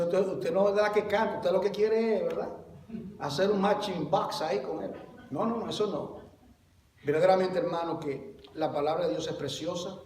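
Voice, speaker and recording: A man preaching a sermon as pastor, swinging from loud exclamations to low confiding asides and calling his listeners brother. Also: roomy sound, far from the mic, slight background noise. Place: church hall.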